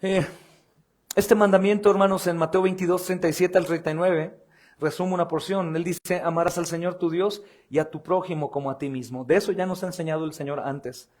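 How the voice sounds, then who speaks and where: Fervent Mexican pastor, fairly high voice. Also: male voice, fairly even intonation, brisk. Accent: Mexican Spanish. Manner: fervent preaching, swings between loud emphatic bursts and low intense asides; addresses listeners often as brothers. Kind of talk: sermon.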